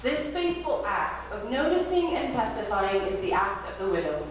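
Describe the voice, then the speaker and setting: A woman's voice: medium pitch, very animated, moderate pace. Woman pastor preaching at a pulpit microphone in a very echoey church. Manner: gentle, reflective, invites listeners to practice. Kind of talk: sermon. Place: church sanctuary. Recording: very echoey church hall, distant mic, faint hiss.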